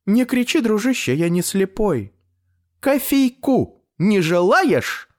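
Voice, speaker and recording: A man voicing a fussy, chatty male tailor who rambles excitedly. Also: sits high, slow pace, voice pushed up, full character voice. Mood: excitable, chatty.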